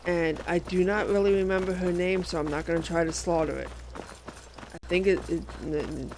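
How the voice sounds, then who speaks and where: A man's voice: sits high, fairly even intonation, brisk, a little mellow, a little hiss or hum. A man giving casual, rambling let's-play commentary, often stopping to correct himself. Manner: rambling, self-correcting, many fillers. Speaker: gameplay commentator.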